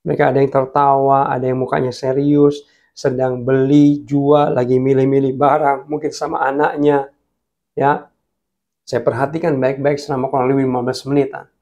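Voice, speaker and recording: A man preaching a sermon, telling a personal testimony in an earnest way and often dropping to a hushed voice. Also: mid-range voice, level tone, moderate pace. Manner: earnest, addresses listeners as guys, drops to hushed tones.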